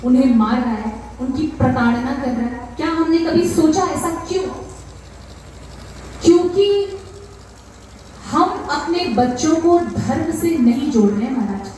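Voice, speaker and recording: High-voiced woman preaching a katha. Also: animated, measured pace, a little mellow, a little hiss or hum. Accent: North Indian Hindi. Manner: impassioned, rhetorical questions. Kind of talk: devotional sermon. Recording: echoey PA sound from far off.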